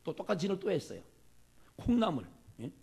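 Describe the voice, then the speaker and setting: A man preaching a sermon as a pastor, animated and acting out the people he quotes. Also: high voice, fairly quick, gravelly, husky. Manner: animated, acts out quoted speech.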